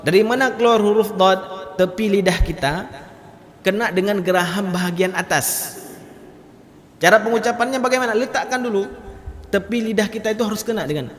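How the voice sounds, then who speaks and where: Male Quran teacher, high voice, reverberant mosque hall, alternates explanation with chanted demonstrations. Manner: explains letters then demonstrates with loud drawn-out recitation. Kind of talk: mosque tajwid lesson.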